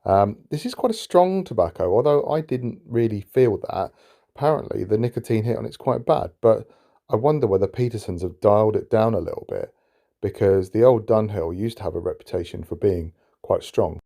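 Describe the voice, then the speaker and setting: Low, mellow British man chatting between pipe puffs. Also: brisk, vocal fry. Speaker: pipe tobacco reviewer. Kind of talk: casual chat review to camera. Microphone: built-in camera microphone. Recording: noisy camera audio without separate microphone.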